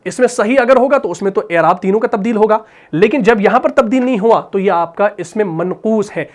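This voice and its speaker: A male teacher explaining Arabic grammar in Urdu with a Pakistani accent. He asks questions and answers them himself, and at times recites Quran verses slowly. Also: sits high. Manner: repeats questions and answers them himself, adds "bhai" and "theek hai na". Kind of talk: explaining grammar while writing on a board.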